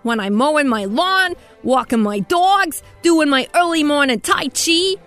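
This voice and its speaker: A woman voicing a rich, excitable man in a storybook, speaking in an indignant, gushing way. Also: sits high, unhurried, faint music behind, voice pushed up.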